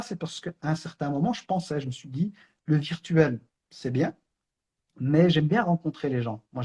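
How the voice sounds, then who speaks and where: A man's voice: on the high side, darkish tone, slightly rough. A middle-aged man from Brussels, sharing an earnest personal spiritual reminder in a conversational storytelling way, full of fillers. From Belgium, Brussels. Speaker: online Islamic teacher.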